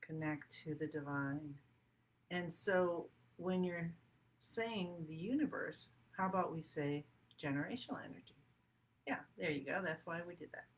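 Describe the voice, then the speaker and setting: Soothing low-voiced woman guiding meditation. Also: normal speed, husky, rough recording. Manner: informal, self-correcting. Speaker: qigong group meditation leader. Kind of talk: guided meditation, informal and conversational.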